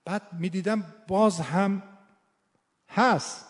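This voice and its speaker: Man teaching recitation in a reverberant hall. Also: sits high. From Iran. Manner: thinks aloud, repeats key words for emphasis. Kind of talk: informal teaching talk.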